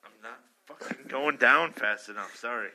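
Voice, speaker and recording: A man's voice: medium pitch, moderate pace, gravelly, sharp tone, low-quality recording. A man in casual, sweary chat, flustered and apologetic as he performs for a recording.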